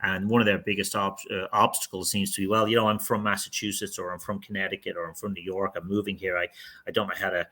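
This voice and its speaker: A deep-voiced, forceful middle-aged man from outside the United States, a real estate team leader, appears as a podcast guest. He gives casual interview answers fast and in a level tone. He's candid and rambling, often restarting his sentences.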